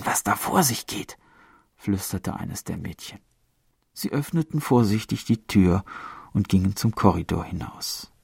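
A man narrating a story as an audiobook in a measured storytelling manner. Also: sits low, gravelly, slightly rough, no echo, studio quality.

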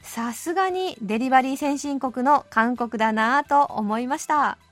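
A cheerful woman in her late thirties hosts a radio show and reads out listener letters. She answers them in a lively, chatty way and laughs often. Her voice sits high, and faint music plays behind her. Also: normal speed. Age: late 30s. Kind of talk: radio letter-reading chat. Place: radio studio.

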